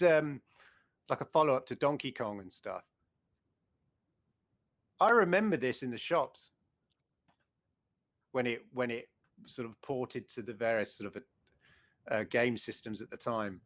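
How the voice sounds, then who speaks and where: A man's voice: medium pitch, lively intonation, moderate pace, pauses often, fairly bright tone, no echo. A middle-aged man co-hosting a retro gaming show, chatting with enthusiasm and rambling through restarts. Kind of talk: casual chat.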